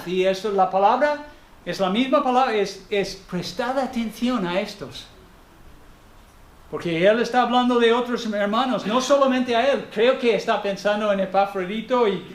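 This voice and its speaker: Male preacher, higher register, lively and conversational, gropes for words now and then; reverberant church sound. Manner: animated, conversational preaching with frequent "ok?" checks; searches for words in Spanish, with halting restarts. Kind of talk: sermon. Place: church hall. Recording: echoey church room.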